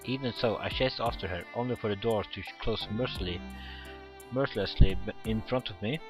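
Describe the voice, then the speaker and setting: Reading a visual novel script aloud for a let's play, this man acts out the dialogue and stumbles over words. He speaks briskly in a fairly low voice, with the game's background music playing behind him.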